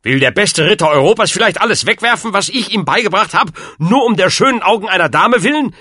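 A shrill, ranting old knight. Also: male voice, animated, fast talker, slightly rough, dry recording, exaggerated voice. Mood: outraged. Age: older. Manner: shrill, shouting outbursts. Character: excitable old male knight-tutor, indignant and ranting.

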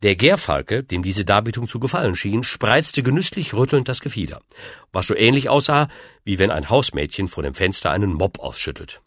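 Male audiobook narrator, animated delivery, bright voice, close mic. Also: lowish voice, normal speed, no echo. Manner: expressive, lively storytelling.

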